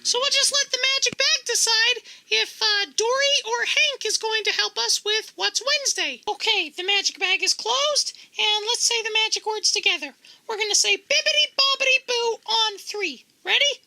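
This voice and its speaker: A tiny monkey puppet hosting a children's show with kids party magician patter. The voice is extremely high and squeaky, very bright, with a crackly edge. It sounds childlike, cheerful and a little timid. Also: normal speed, vocal fry, full character voice. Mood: excited, playful.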